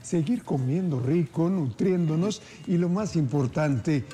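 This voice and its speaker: A man's voice: a little high, unhurried, warm tone, faint music behind. A man in his forties hosting a TV cooking show from a studio kitchen, chatting upbeat and folksy to viewers as family. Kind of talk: TV cooking segment, addressing viewers. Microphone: lapel mic.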